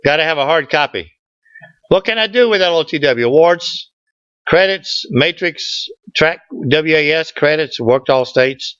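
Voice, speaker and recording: In a meeting room, a man delivers a relaxed slide presentation from a lectern, bantering folksily with the group as a club presenter. His slightly high voice is smooth and a bit bright, with lively intonation and a slightly slow pace. There's no room sound, though the recording comes across as dull and lo-fi.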